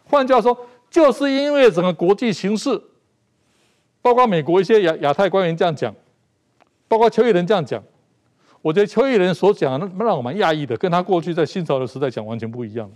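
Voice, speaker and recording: Middle-aged taiwanese mandarin guy on a tv talk show, higher voice for a man, pushes his points hard, repeats himself for stress. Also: expressive, fast talker, a little mellow. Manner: emphatic, repeats phrases for stress. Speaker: guest commentator. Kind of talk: political talk show commentary. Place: TV studio.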